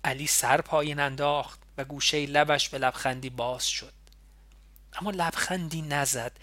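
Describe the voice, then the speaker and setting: A man reading a novel aloud in first person, expressive and emotional. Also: a little high, no echo. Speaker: audiobook reader.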